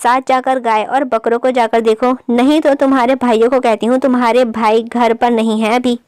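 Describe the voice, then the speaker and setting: A woman's voice: a little high, flat delivery, darkish tone, clear, resonant tone, no echo, clean studio sound, natural voice. A woman reading the part of a strict middle-aged mother who scolds her sons sharply in an audiobook story. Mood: scolding.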